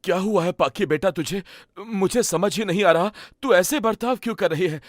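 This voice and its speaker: Caring, anxious father pigeon for a cartoon, slightly high voice, a man voicing him. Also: normal speed, no room sound, clean studio sound, lightly acted. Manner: anxious, scolding gently. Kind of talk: Hindi cartoon voice acting.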